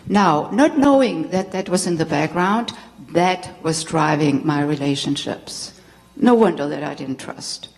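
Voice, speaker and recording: In a low voice at a measured pace, a middle-aged tantra teacher with a German accent shares her personal story before a live audience, candid and often laughing. Long reverb from the spiritual center hall surrounds her words.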